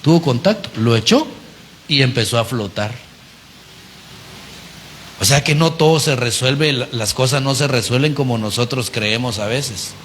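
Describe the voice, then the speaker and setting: A man preaching a conversational sermon, animated and often putting rhetorical questions to the congregation. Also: medium pitch, normal speed, pauses often, slight background noise.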